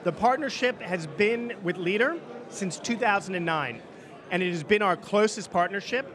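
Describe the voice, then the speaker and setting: A man answers interview questions as an executive, measured with hesitant pauses, into a handheld microphone. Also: sits high, a bit bright. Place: indoor reception event at a hangar. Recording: busy event crowd chatter behind.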